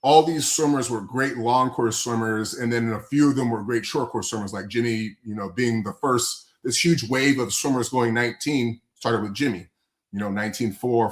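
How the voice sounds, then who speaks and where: A man's voice: medium pitch, a bit bright, roomy sound. A man co-hosting a casual sports podcast, talking in a rambling way with many fillers and restarts. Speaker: podcast co-host.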